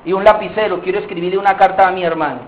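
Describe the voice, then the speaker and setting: A man preaching voices a calm, devout brother who quietly takes the blame for a crime. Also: high-pitched, very fast, roomy sound, dull audio, a little hiss or hum, pitched below the performer's own voice, lightly acted. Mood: quiet pleading. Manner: quiet, soft, solemn.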